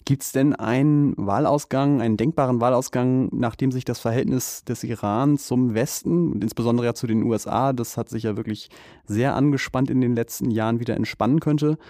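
A man hosts a news podcast in a relaxed, informal manner. His voice is mellow and dark. The sound is dry and close. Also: mid-range voice, moderate pace, no room sound.

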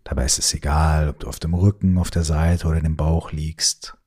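Male meditation guide, very deep, husky voice, slow and soothing delivery that drifts into whispers. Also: fairly even intonation, a little mellow.

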